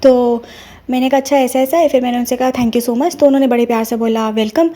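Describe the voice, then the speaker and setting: A young devotee tells her own devotional story casually and earnestly, her fairly high voice warm, steady, and brisk in pace.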